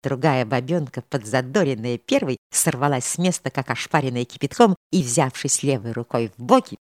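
A woman reading an audiobook of a historical novel in a measured, expressive storytelling manner. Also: very deep voice, no echo, studio quality. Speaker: reader.

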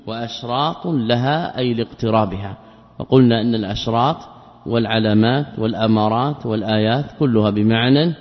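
A man gives a religious lesson, explaining a classical text at a deliberate pace and restating his points with rhetorical questions. His voice carries a long reverb, like a big hall, and the recording sounds dull and lo-fi. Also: mid-range voice. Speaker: Islamic scholar teaching a text.

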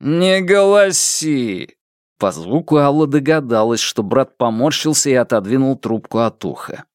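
A man narrating an audiobook in a measured, expressive storytelling manner. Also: mid-range voice, dry recording. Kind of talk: scripted narration. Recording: dry close mic.

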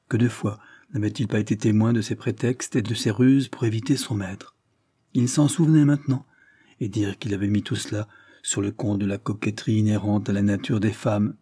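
A man narrating a Victorian novel as an audiobook, measured and even. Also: fairly low pitch, husky, no room sound, studio quality. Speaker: audiobook reader.

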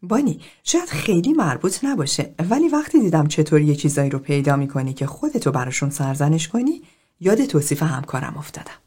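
A woman voicing an older male group therapist who questions steadily and presses gently. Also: sits low, sing-song, husky, exaggerated voice. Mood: probing.

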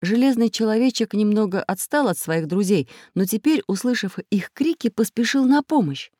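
A narrator reading a children's storybook aloud in a steady, expressive way. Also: mid-range voice, moderate pace, no room sound, studio quality. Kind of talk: audiobook narration.

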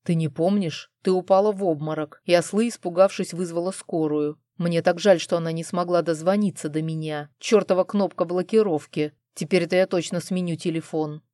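A woman's voice: on the low side, fairly even intonation, moderate pace, hardly any pauses, dark tone, no room sound, studio quality, lightly acted. A woman voicing a hot-tempered, protective young husband who speaks in a commanding, growling way. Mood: stern.

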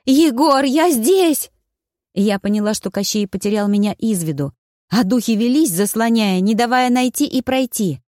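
A woman telling a fantasy story in the first person as an audiobook narrator, with lively, expressive delivery. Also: mid-range voice, normal speed, no room sound, clean studio sound.

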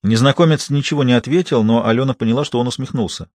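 A man narrating an audiobook thriller in a steady, tense storytelling manner. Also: medium pitch, quick pace, no echo. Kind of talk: scripted narration.

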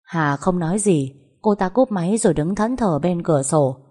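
A woman narrating a family drama story in a steady, even storytelling manner. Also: fairly low pitch, normal speed. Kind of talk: scripted audio-story narration.

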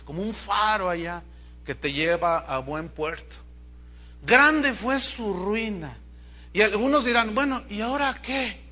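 A male pastor with a Mexican accent preaching a sermon, animated and acting out people's voices with humor. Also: high voice.

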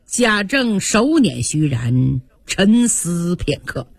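A woman telling a classic story in a lively, expressive way. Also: on the low side, slow, vocal fry, breathy edge, no room sound, clean studio sound. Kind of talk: traditional storytelling. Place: radio studio.

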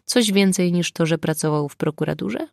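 An unflappable police sergeant answers in a cool, dryly ironic tone, as a woman narrator puts him on. The voice is low and gravelly. The recording is close and dry. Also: normal speed, darkish tone, no echo. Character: calm, ironic middle-aged police sergeant.

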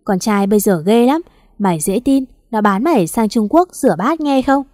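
A woman voicing a bossy, gruff young rich master who gives curt, scolding orders. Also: a little high, lively intonation, normal speed, warm tone, no room sound, clean studio sound, lightly acted.

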